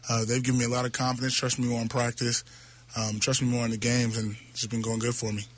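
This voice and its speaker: A young man, a college basketball player, answering interview questions quickly and upbeat in a radio studio. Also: mid-range voice, completely flat delivery. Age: young adult.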